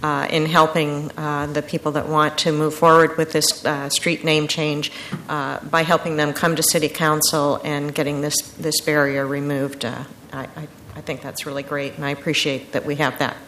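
A woman gives public testimony in a hesitant, measured way with frequent pauses. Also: low-pitched, little pitch movement, fairly bright tone. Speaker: citizen giving public testimony. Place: public meeting room. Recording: faint background room noise.

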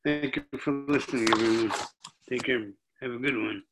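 An older man tells a story and reads his poetry aloud. His delivery is slow and deliberate, each line measured and set apart. His pitch sits in an ordinary middle range for a man. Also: steady tone, music in the background, poor audio. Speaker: storyteller and poet.

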